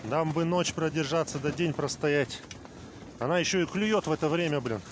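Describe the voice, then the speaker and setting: A man's voice: fairly high pitch, moderate pace. A man casually narrating a fishing vlog out in strong wind, with gusts hitting the microphone. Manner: speaking outdoors or in a tent in strong wind. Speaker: fishing vlogger. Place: frozen lake, out in wind and in a flapping tent. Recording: loud wind buffeting the mic.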